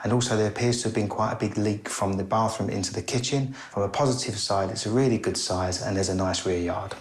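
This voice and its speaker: A man's voice: lowish voice, fairly even intonation, quick pace. A man working as an estate agent, giving a matter-of-fact appraisal of a house point by point. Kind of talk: property appraisal. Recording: echoey room with faint music.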